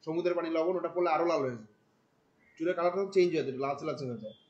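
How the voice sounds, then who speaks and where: A man, teaching a class. He talks in a colloquial, animated way, firing questions at the students. He drops English terms into his explanations. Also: a little high, very fast, muffled recording. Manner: questions the class often, mixing in English words. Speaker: marketing instructor. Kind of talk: classroom lecture.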